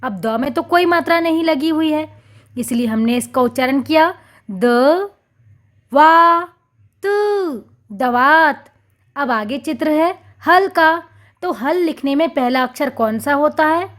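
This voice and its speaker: A woman teaching a children's lesson, slowly and clearly sounding out syllables in a sing-song way. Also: high voice.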